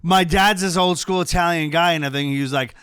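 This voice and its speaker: A man's voice: fairly high pitch, fast talker, a bit bright, clean tone, no room sound, clean studio sound. A man hosting a podcast in casual chat, laughing often and reacting to stories.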